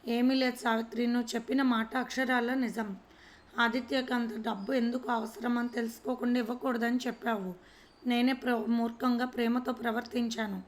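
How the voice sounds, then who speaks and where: Brief: regretful husband, woman narrator doing him, even and fairly high. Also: moderate pace, close to an everyday voice. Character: remorseful older husband.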